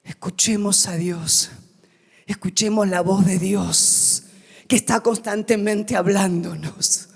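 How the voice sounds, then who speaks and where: A woman pastor preaching a sermon, calling out loud and then dropping suddenly to quiet asides. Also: mid-range voice, fairly even intonation, slow, gravelly, breathy edge, long reverb tail. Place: church.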